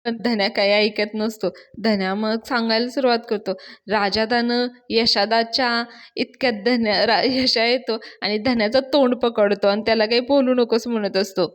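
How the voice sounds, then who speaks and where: A woman's voice: on the high side, fairly even intonation, moderate pace. A woman reviewing a TV serial episode, retelling the scenes in a storytelling manner and quoting the characters' lines. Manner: storytelling, acting out each character's lines in turn. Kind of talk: retelling a TV episode with quoted dialogue.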